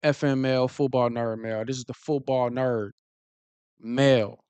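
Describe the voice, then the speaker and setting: A man hosting a casual live stream, talking fast and excitedly, repeating himself and using slang. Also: medium pitch, clean tone, no room sound. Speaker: football streamer host.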